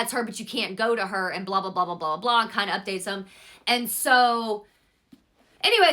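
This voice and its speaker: Recapping a book in a loose, meandering way, a woman speaks in a bright, forceful voice on the high side. She curses openly and pads her speech with "like" and "blah, blah, blah."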